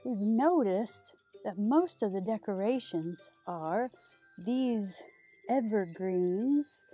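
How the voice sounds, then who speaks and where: Mellow and animated, a middle-aged woman's mid-range voice takes things slowly as she hosts children's library storytime. She uses an exaggerated, sing-song delivery to talk with young viewers and read aloud, with soft music playing on a small decorated indoor set.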